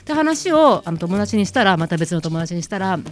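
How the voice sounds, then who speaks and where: A woman's voice: mid-range voice, big pitch swings, brisk. A woman hosting a talk radio show, giving casual news commentary in sarcastic, outspoken rants. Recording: faint music underneath.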